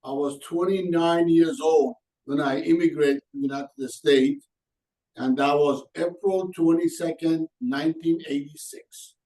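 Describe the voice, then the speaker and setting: A man in his sixties from Iran, speaking with a Persian accent, gives a webinar lecture as a guest presenter. His voice is fairly high, steady, mellow and unhurried, though recorded from a distance with poor audio. He comes across as earnest and personal, with hesitant fillers and non-native grammar.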